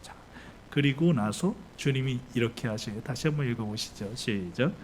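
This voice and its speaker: A man preaching a sermon as pastor, asking his congregation lively questions and acting out the people in the story. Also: medium pitch, normal speed, a little hiss or hum. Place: church sanctuary.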